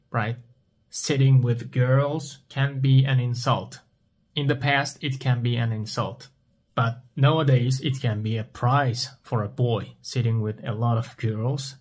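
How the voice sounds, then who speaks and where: A man teaches at a very unhurried pace. His voice is husky and mid-pitched. He asks a question, pauses, and then answers it himself in simple words. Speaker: English teacher. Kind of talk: slow question-and-answer language lesson.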